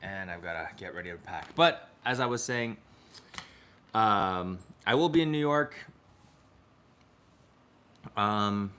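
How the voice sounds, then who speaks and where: A man's voice: lowish voice, lively intonation, slow pace, pauses often, pushed and bright, clear, resonant tone. A man hosting a casual livestream from his home, chatting with viewers, reading the chat aloud and laughing often. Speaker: livestream host.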